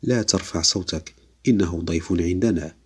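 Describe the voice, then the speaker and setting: A man reading a calm, commanding jinn father. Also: low-pitched, moderate pace, breathy edge. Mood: reassuring. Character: older male jinn lord, calm and reassuring. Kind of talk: storytelling.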